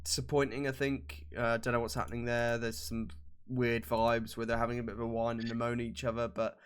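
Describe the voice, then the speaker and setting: A man's voice: mid-range voice, monotone, fairly quick, smooth. Male podcast co-host, casual banter, salty language, teasing impressions. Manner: banter-heavy, swears freely, mocks with put-on voices. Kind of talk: casual chat.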